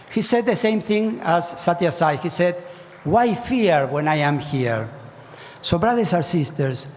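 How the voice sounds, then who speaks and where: An Argentine man with a fairly high, darkish voice gives an earnest devotional address to a large spiritual gathering, leaning hard on key phrases with fervent, rising emphasis as he exhorts the crowd. The long reverb of a big hall surrounds him, and there's a slight hiss or hum.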